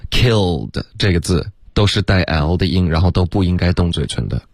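A man with a very low voice leads a radio English lesson, explaining points in Mandarin. He slows right down to model each English phrase syllable by syllable. The sound is close and dry. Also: lively intonation, breathy edge, no room sound. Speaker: English pronunciation teacher.

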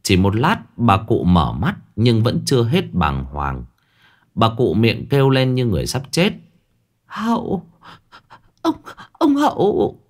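A man narrating a ghost story in a lively, dramatic storytelling manner. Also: mid-range voice. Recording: faint background music.

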